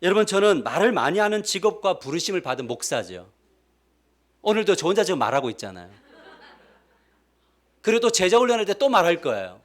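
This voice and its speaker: Man pastor preaching in church, kinda high voice, goes up and down a lot, keeps asking the people stuff. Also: a little fast, pauses often. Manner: animated preaching, asks the congregation questions. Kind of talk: sermon. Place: church sanctuary.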